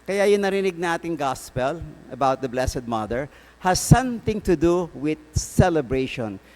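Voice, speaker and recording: A man with a Filipino accent gives a sermon, switching between English and Tagalog and asking his listeners questions. His voice sits fairly high and moves up and down a lot as he tells his story. A long hall reverb trails after his words. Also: darkish tone. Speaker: priest. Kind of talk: sermon at a prayer meeting.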